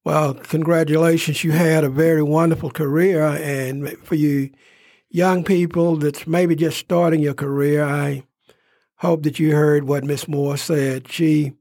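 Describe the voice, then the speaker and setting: A man's voice: on the high side, little pitch movement, dry recording, studio quality. A man hosting a local interview program, speaking with frequent "uh" fillers. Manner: warm, filler-heavy, unhurried. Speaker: host. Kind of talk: interview talk show.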